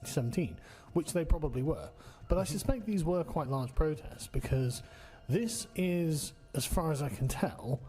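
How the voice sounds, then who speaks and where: A man's voice: fairly high pitch, expressive, normal speed, warm tone, faint music behind. Wry man with echoey room sound. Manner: wry, amused. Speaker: online commentator. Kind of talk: casual video commentary. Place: temporary room while travelling.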